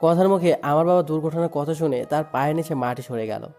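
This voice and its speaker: A man's voice: a little high, fairly quick, a little mellow, faint music behind. A man narrating a first-person dramatic story in a sorrowful, emotive way. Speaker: narrator and lead voice.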